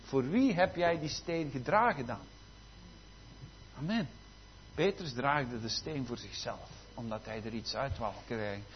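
A man's voice: medium pitch, animated, a little slow. A man preaching a sermon, emphatic with frequent amens and rhetorical asides. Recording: dull lo-fi recording.

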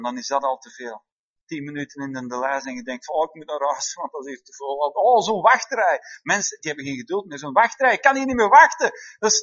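Male pastor, higher voice, animated sermon style with frequent amens, dull lo-fi recording. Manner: lively, calls out "amen" and "hè?" to the congregation. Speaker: preacher. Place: church hall before a congregation. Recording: dull, slightly lo-fi sound.

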